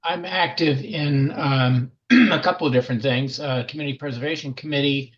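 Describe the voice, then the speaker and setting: A man's voice: medium pitch, steady tone, normal speed. A man introducing himself hesitantly in a group discussion, with many fillers. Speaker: church member and committee volunteer. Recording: slightly dull, muffled audio.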